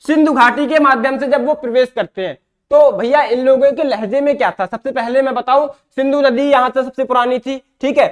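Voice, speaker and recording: Delivering an exam-prep lecture with an eastern Uttar Pradesh Hindi accent, a male teacher speaks in a very high-pitched voice at a slightly fast pace. He repeats himself and keeps posing questions that he then answers himself.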